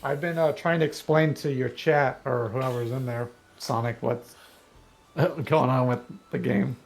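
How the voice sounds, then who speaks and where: A man's voice: mid-range voice, steady tone, measured pace, gravelly. A man on a gaming livestream's voice chat, talkatively explaining game mechanics step by step in casual chat. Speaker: guest co-player on a livestream.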